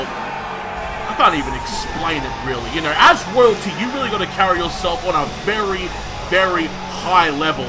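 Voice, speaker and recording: A man playing an excitable pro wrestling commentator, calling the show in a dramatic broadcast manner. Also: a little high, rough recording. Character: excitable male pro wrestling play-by-play announcer.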